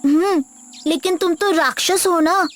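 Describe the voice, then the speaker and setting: A small village boy, high and slow, innocent and curious, cartoon story, music under. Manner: innocent, wide-eyed questioning. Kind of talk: animated story voice acting. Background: background music.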